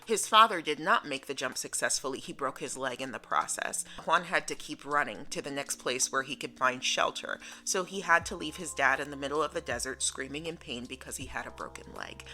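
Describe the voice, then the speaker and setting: A woman's voice: rumbling low, fairly quick, few pauses, bright, forceful tone. A woman from the United States telling a personal story in a casual, chatty vlog style. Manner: casual, chatty, laughing now and then. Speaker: vlogger. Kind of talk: storytime narration.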